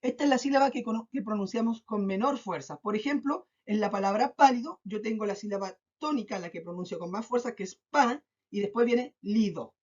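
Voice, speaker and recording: A woman teacher giving a recorded class, patient, drawing out syllables slowly and checking in often. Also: medium pitch, a little mellow. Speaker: school teacher. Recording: dull lo-fi recording.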